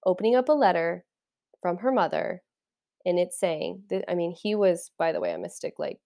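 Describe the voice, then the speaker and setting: A woman's voice: on the low side, big pitch swings, normal speed, vocal fry, warm tone. A woman hosting a podcast as a life coach, talking in a casual, enthusiastic and wandering way about spiritual practice. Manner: enthusiastic, meandering, conversational.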